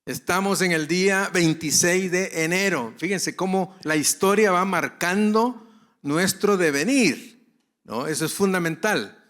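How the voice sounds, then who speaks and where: A man with a fairly high voice delivers a conference lecture to other pastors at an unhurried pace. He leans on repetition to drive his points home. He often poses a question and answers it himself. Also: a bit bright. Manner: rhetorical, repeats key phrases for emphasis.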